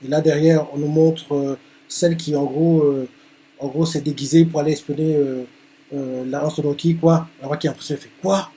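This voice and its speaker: A man's voice: on the high side, little pitch movement, brisk, mellow. A man reacting live to a manga chapter, narrating the panels with many hesitant fillers.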